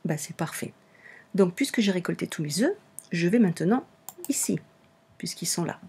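A woman's voice: on the low side, lively intonation, normal speed, darkish tone, husky. A woman with a French accent talking through a browser game on a screen recording, explaining it step by step and often repeating or correcting herself. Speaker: online game walkthrough presenter. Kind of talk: casual screen-recorded tutorial.

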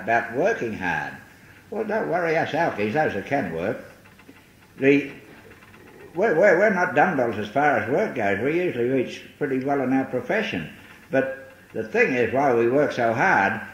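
An older man with a Liverpool accent gives a rambling, self-mocking personal testimony at a recovery meeting in a large hall. His voice is medium-pitched and fairly bright, and the lo-fi recording has an echoey hall sound with faint hiss from old tape.

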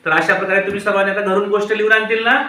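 A man's voice: sits high, little pitch movement, racing, background noise. A man teaching a classroom of children, asking them questions and prompting answers. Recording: very echoey room, voice from far off.

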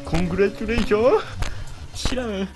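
A man's voice: high voice, fairly quick, music in the background, low-quality recording. A man commentating a horror game, jumpy and chatty, bickering with the game. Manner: jumpy, talks back at the game with jokes and complaints.

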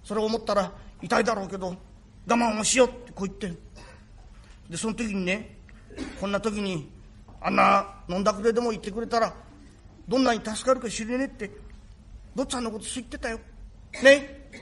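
A man's voice: high-pitched, fairly even intonation, brisk, long pauses, fairly bright tone, husky, full character voice. A man voicing a young boy in a rakugo story, earnest and pleading, in old speech. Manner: childlike, pleading, chatty.

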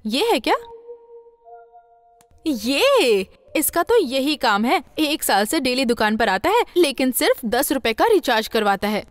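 A woman dubbing a bold, sharp-tongued young woman who runs a shop, in a bossy, scolding manner, in a dubbed movie. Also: high voice, big pitch swings, measured pace, no room sound, clean studio sound. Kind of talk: Hindi movie dub.

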